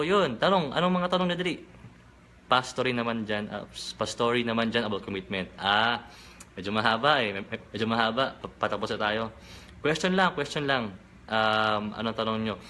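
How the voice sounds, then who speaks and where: A young Filipino man giving an energetic motivational business talk in mixed Tagalog and English, repeating catchphrases and answering viewer questions. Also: mid-range voice, a little hiss or hum. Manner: energetic, repetitive Taglish with catchphrases.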